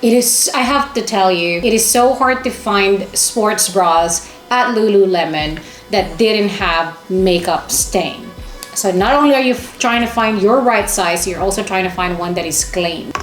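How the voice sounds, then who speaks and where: A woman's voice: medium pitch, unhurried. Chatty woman vlogger in an echoey room. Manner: chatty, enthusiastic, exclaiming over items. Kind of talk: casual chatty shopping haul to camera. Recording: echoey room with music underneath.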